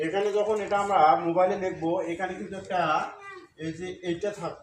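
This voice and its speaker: A teacher giving a Sanskrit pronunciation lesson, explaining slowly with a Bengali accent, chanting verse syllable by syllable and asking students questions. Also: mid-range voice, steady tone. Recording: echoey room from far off with loud noise.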